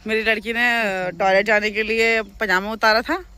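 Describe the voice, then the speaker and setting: A young woman vlogging from home, telling a family story in a chatty, animated way and laughing often. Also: medium pitch, normal speed, clear, resonant tone. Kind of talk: casual storytelling vlog. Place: at home, near farm animals.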